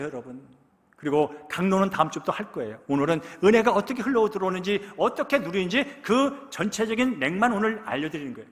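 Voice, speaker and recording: Korean pastor preaching in a reverberant sanctuary. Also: male voice, high-pitched. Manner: dramatic, acts out quoted cries in loud bursts, asks the congregation questions. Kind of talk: Sunday sermon. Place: church sanctuary.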